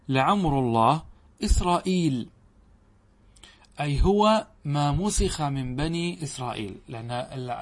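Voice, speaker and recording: Middle-aged guy teaching arabic grammar, patient, keeps checking the class is following, reads the verses out slow. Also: mid-range voice. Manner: explains patiently, checks students understand; reads quoted verses aloud slowly. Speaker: religious scholar teaching grammar.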